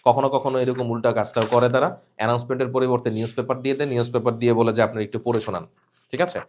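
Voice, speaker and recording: A man's voice: medium pitch, level tone, rapid-fire, a little hiss or hum. Man coaching cabin crew candidates. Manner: instructive, corrects students directly, demonstrates readings. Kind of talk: live coaching class.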